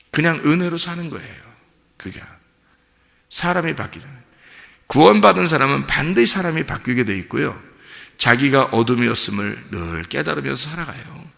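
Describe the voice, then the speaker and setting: A male pastor preaches in a church sanctuary, and his voice is gravelly and bright. He keeps turning to the congregation with rhetorical questions. A long hall reverb trails behind his words. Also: mid-range voice. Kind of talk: sermon.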